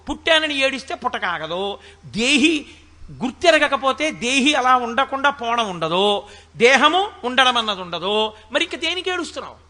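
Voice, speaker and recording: High-pitched man giving a spiritual discourse. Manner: chants Sanskrit verses slowly, then explains in lively conversational asides. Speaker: spiritual speaker. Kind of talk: Telugu discourse on scripture. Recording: echoey hall with long reverb.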